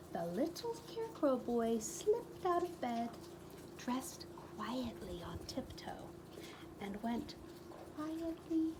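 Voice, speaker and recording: A woman storyteller reads a children's book aloud with lots of expression, using dramatic pauses and emphatic repetition. Her voice sits a little high, and there is background noise.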